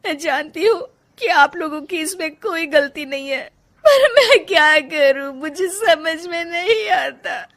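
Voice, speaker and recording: A woman's voice: high-pitched, unhurried, pitched above the performer's own voice. Woman doing a weeping young wife, Rajni. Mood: tearful. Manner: tearful, pleading. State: crying. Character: young wife, heartbroken frustrated painter.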